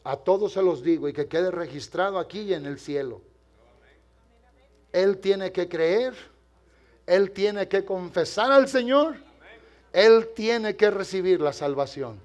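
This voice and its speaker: Older male pastor, high voice, preaches to his congregation in church, quiet at times, then rising to loud impassioned passages. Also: animated, measured pace, pauses often. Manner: addresses the congregation directly. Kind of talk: sermon.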